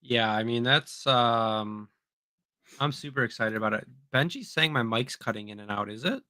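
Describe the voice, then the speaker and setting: A young man co-hosts a casual livestream podcast into his streaming mic, hesitant and full of ums and likes. His voice sits mid-pitch with a bright edge. The sound is dry and close. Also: moderate pace, no room sound. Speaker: podcast co-host.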